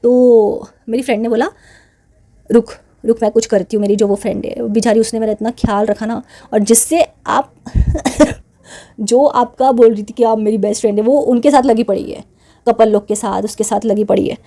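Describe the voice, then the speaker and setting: Woman venting about a friend, chatty and worked up, kinda high but warm voice. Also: fairly even intonation, normal speed. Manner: chatty and indignant, mixes English words into Hindi. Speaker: channel host telling a personal story. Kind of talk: casual storytelling to camera.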